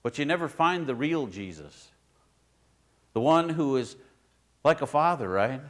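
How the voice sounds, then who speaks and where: A man preaching a sermon in his church in a conversational way, swinging between loud emphasis and quiet asides. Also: medium pitch, animated, a little slow. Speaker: pastor.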